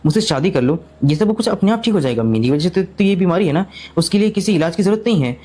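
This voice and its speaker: A man's voice: high-pitched, expressive, quick pace, darkish tone, voice pushed up. A man voicing an arrogant young male doctor who talks in a boastful, insistent way in a storybook recap. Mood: coaxing.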